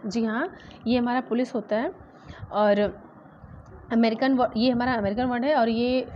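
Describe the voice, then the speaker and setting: एक महिला शिक्षिका, अंग्रेज़ी व्याकरण का पाठ धैर्य से समझाती है और शब्दों की स्पेलिंग अक्षर-दर-अक्षर बोलती है।. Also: female voice, a little high, fairly even intonation, normal speed. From India. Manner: explains patiently, spells words out letter by letter. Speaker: English grammar teacher. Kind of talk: exam-prep grammar lesson. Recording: dull lo-fi sound with faint noise.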